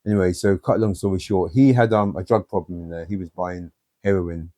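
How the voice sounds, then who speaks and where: Man, blunt streetwise storyteller, low dark voice. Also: fairly even intonation, fairly quick, no room sound, clean studio sound. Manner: blunt, streetwise storytelling with many "you know"s. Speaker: guest. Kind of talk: telling life stories in an interview.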